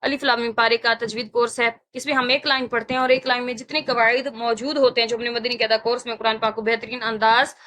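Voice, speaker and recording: Bright, high-voiced woman teaching recitation. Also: little pitch movement. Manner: slow, deliberate demonstration of sounds, repeating syllables; instructive, correcting common mistakes. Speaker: Quran tajweed teacher. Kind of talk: Quran recitation lesson.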